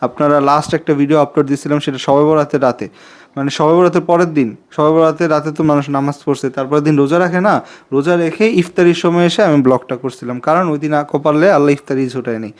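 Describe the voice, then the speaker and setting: Young male vlogger, twenties, slightly high voice, rambling, confiding to camera. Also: steady tone, fast talker. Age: 20s. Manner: chatty and confiding, repeats himself, pleads for subscribers. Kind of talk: casual talking-to-camera vlog.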